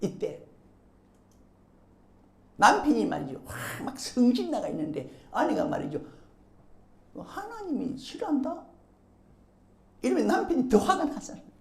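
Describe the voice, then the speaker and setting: A man's voice: extremely high pitch, wildly swooping pitch, normal speed, gravelly, pauses often. A male pastor preaching a sermon, acting out quoted speech and prompting the congregation. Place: church sanctuary. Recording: echoey church hall.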